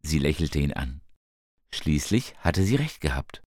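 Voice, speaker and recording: Slow, very deep-voiced male storyteller. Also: a little hiss or hum. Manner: calm, slow, lifts pitch for quoted characters. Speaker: narrator. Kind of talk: scripted storybook narration.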